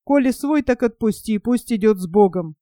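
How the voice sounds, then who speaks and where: Casting: woman doing a brisk male commander, curt and dismissive, mellow tone, dry storybook sound. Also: a little high, lively intonation, dry recording, natural voice. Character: brisk, impatient adult male cavalry commander.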